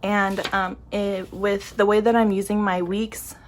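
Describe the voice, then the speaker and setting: A young woman chatting casually to camera about her planners, soft-spoken and a little emotional, often trailing off and restarting. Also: medium pitch, flat delivery, measured pace, a little hiss or hum. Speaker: planner vlogger.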